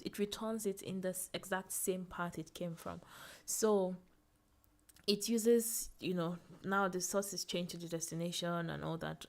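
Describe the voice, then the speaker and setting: A young woman hosts a casual screen-share lesson, talking through the material in a slightly low voice. She thinks aloud, restarts her sentences and laughs now and then at her own slips. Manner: thinking aloud, fillers and self-corrections, laughs at herself. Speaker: tech tutorial host.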